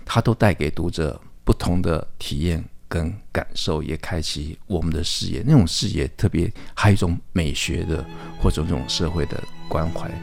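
A man hosting a radio interview, speaking in a measured, courteous way and praising his guest. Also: low-pitched, gravelly, soft background music.

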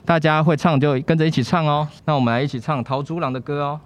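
At an outdoor street event with loud band music playing, a man hosts a live children's podcast, cheerfully coaxing the kids with questions. His voice is fairly high with fairly even intonation, he talks fast, and there's background noise.

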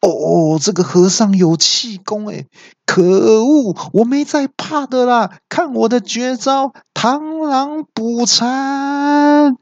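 A shrill, boastful martial-arts thug, as a male storyteller puts him on, his voice jumping high above the narration in a strained, off-kilter timbre. He brags and shouts. The audio is dry and a bit dull, like a home podcast. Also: no echo, heavily acted. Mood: defiant. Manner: shrill, bragging, yells move names slowly.

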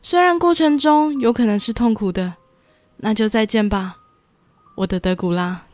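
A woman hosting a podcast calmly retells a drama's story and reads the characters' lines in her own voice. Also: on the high side, normal speed, no room sound. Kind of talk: storytelling recap with quoted dialogue. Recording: dry close studio mic with faint background music.

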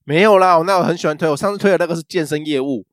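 A man's voice: on the high side, racing, fairly bright tone, dry recording, studio quality. A man, co-hosting a casual podcast chat and telling a rambling story full of fillers and restarts. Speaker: podcast co-host.

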